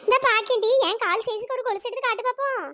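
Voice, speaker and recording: A squeaky haggling village auntie. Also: female voice, quick pace, fairly bright tone, no echo. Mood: chatty. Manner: chatty, haggling, easily offended. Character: plump village woman customer, bargaining, touchy. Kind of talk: cartoon voice acting.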